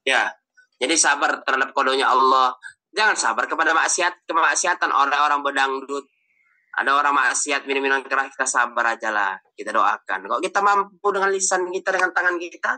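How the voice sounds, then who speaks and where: A man's voice: medium pitch, a little fast, sharp tone. A man, preaching informally in an online study session with jokes and trailing restarts. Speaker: Islamic preacher.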